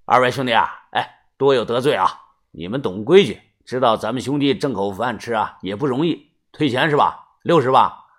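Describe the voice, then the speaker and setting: A man voicing a middle-aged local gang boss who talks softly and ingratiatingly. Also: normal speed, lightly acted. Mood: smooth. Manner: low, soft, ingratiating.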